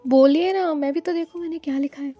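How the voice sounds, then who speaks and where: A woman's voice: high voice, quick pace, highs cut off, close to an everyday voice. Woman voicing a shy, earnest student girl. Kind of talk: storytelling dialogue.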